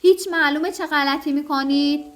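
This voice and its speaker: A woman's voice: high voice, fairly even intonation, faint music behind, lightly acted. A woman reading the part of a superstitious, bossy older mother-in-law in an audio story, scolding and lecturing.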